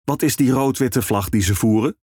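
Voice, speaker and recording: A man's voice: medium pitch, normal speed, a little mellow, breathy edge, no echo, clean studio sound, pitched above the performer's own voice, close to an everyday voice. A man reading a storybook, voicing a curious, somewhat timid young male minstrel.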